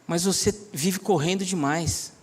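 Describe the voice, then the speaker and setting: A man voicing a gentle divine male figure who speaks tenderly and intimately in a low, hushed tone. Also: unhurried, husky.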